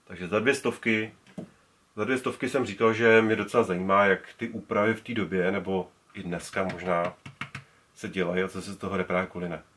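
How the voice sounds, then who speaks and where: In a room packed with speakers, a man in his forties who collects them casually shows off his collection, his low voice steady and fairly bright. He handles the equipment as he talks, rambling and frequently starting over.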